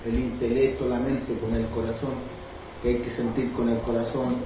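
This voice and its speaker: A man's voice: medium pitch, little pitch movement, normal speed, background noise. Distant man asking from a very echoey room. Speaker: class member asking questions. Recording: distant, echoey, dull recording.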